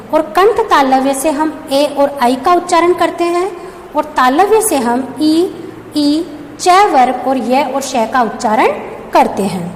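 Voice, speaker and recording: A woman teacher giving a grammar lesson, asking questions and then answering them herself as she spells out letters one by one. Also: high-pitched. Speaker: school teacher. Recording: echoey room with faint background hum.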